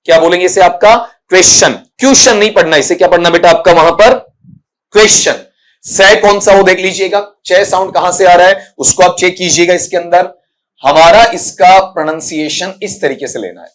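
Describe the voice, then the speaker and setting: Man teacher, fairly high voice, repetitive explaining, online exam-prep lesson. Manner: repetitive filler-laden explaining, calls students "beta".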